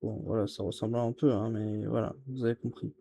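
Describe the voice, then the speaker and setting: A beginner demonstrates how he writes Chinese characters in a casual tutorial, recorded by a camera filming his writing. His voice is lowish, steady, creaky and dark, and he sounds hesitant, correcting himself and slowly repeating words. There's a slight hiss or hum.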